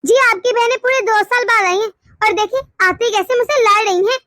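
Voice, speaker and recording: A woman's voice: very high voice, brisk, bright, forceful tone, no echo, clean studio sound. Woman voicing a whiny young cartoon wife. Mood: complaining. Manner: whiny, indignant. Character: young wife, complaining and sharp-tongued. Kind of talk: cartoon story voice acting.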